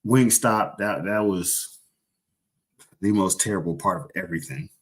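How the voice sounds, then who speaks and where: A man's voice: deep voice, a little slow, husky. A young man casually chatting on a livestream, rambling and joking as he corrects himself mid-sentence. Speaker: livestream host.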